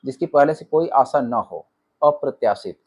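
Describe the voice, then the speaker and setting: Husky man rattling off quiz answers. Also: mid-range voice, moderate pace. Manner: reads options, then states the answer flatly. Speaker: exam coaching teacher. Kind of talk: rapid-fire quiz answer walkthrough.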